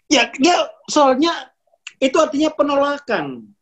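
A speaker giving a relaxed spoken lecture on spiritual consciousness, repeating warnings and laughing between points. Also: high-pitched, a little slow.

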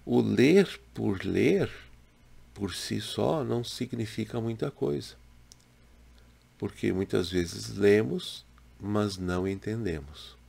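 A man in his sixties from Brazil, a pastor giving a slow, measured daily devotional to a webcam in a small home room. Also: lowish voice, creaky, husky. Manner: slow, measured, gentle preaching with pauses. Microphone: webcam in front, head and shoulders.

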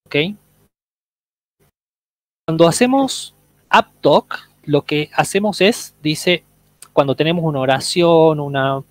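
A male English teacher explains at an unhurried pace on a video call. His voice sits a little high and he keeps pausing to check his students follow. The sound is close and dry. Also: no echo, poor audio. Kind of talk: online language workshop.

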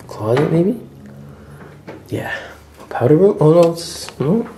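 A man giving a casual, excited walk-through vlog of an old mansion, chatty and often dropping to a murmur. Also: a little high, takes it slowly, soft background music. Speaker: vlogger touring a historic mansion. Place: indoors, large old house.

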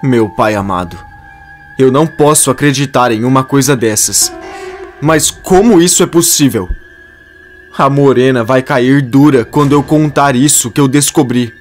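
A man's voice: mid-range voice, measured pace, soft background music, close to an everyday voice. A man voicing an earnest man with urgent news, close to his own normal voice. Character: earnest man revealing a family secret.

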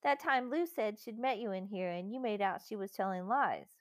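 A woman voicing an eager, take-charge eldest brother, brisk and earnest, in a storybook reading. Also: medium pitch, expressive, no room sound, studio quality, close to an everyday voice. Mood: reproachful. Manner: brisk, earnest, well-spoken.

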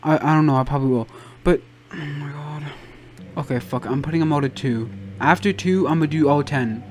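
Flustered, higher-pitched young man gaming. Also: fairly quick, a little mellow. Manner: flustered, exasperated reactions; frequent profanity. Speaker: game streamer. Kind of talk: casual let's play commentary.

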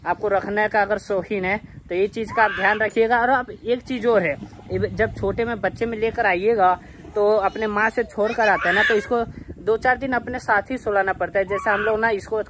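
A man's voice: high-pitched, fairly even intonation, normal speed, noisy background. A man, chatting casually and directly to his viewers outdoors at home. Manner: plain, repetitive, addresses viewers directly. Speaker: vlogger with a pet monkey. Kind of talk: casual vlog chat to viewers.

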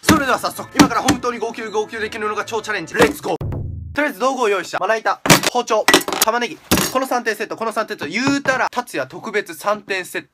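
A young man, a YouTuber doing a comedic kitchen vlog with loud, exaggerated bravado, speaking at home on a camera mic. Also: high-pitched, fast, over loud music.

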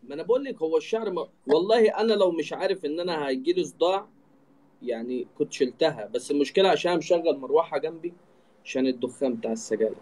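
A man's voice: fairly high pitch, racing, warm tone. A man with an Egyptian accent, chatting casually and teasingly as he hosts a live stream. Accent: Egyptian Arabic. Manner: joking, teasing. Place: indoor room, live video call.

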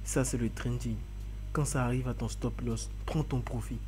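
A man plays a patient husband with a middle-pitched voice who soothes and chides in turn. Faint music sits under the dubbed track. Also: normal speed, close to an everyday voice. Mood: chiding. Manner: calming, placating, mildly defensive. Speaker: husband and father. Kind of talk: dubbed film acting.

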